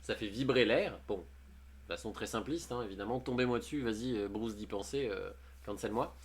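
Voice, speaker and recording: A man's voice: fairly low pitch, a little fast, husky. A man chatting casually on a livestream, reading posts aloud and commenting on them with jokes and frequent laughs. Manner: chatty, jokey, often laughing. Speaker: streamer.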